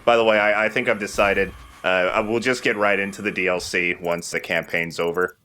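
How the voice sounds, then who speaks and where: A young adult man with a lowish voice hosts a Let's Play, talking a little fast in casual, rambling, jokey game commentary. Clear, steady background noise runs through the recording.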